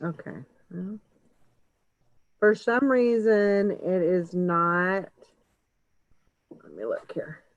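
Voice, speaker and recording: A woman's voice: on the low side, expressive, extremely slow, long pauses, dry recording. A woman on a video call, casually testing her mic, her voice muffled as if she were talking through a tube. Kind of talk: casual chat. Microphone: computer mic on a video call.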